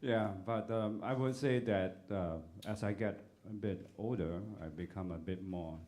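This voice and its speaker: A man on a panel, answering thoughtfully with many pauses and fillers. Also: fairly low pitch, a little mellow. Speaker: panelist composer. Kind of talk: relaxed panel discussion.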